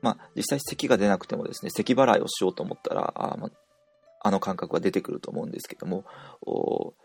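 A Japanese man teaching pronunciation in an audio language lesson, explaining patiently and pausing to demonstrate sounds. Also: deep voice, creaky, husky, soft background music.

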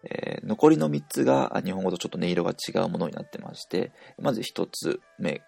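Japanese guy teaching pronunciation, slow and patient, bit of vocal fry, dry close sound. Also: sits low, expressive, darkish tone, no echo. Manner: patient, explanatory, pauses often to demonstrate sounds. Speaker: language teacher. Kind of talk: audio language lesson.

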